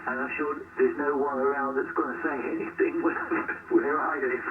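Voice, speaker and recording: A man's mid-range voice comes through a distant, noisy narrowband shortwave transmission as he chats casually over ham radio. He's an amateur operator who rambles with enthusiasm, though his delivery is flat and his pace moderate.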